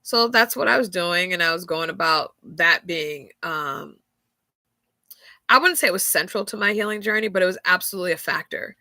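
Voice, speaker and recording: This podcast host's voice is lowish, animated and pushed bright, at a moderate pace with no room sound. Stuffy-nosed, she chats candidly about faith, laughing and using frequent fillers.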